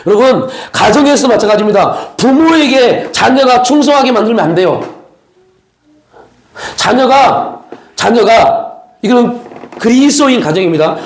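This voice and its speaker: High-voiced male pastor preaching, echoey hall. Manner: preaching with rhetorical questions and acted quotes. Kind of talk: sermon. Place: church sanctuary.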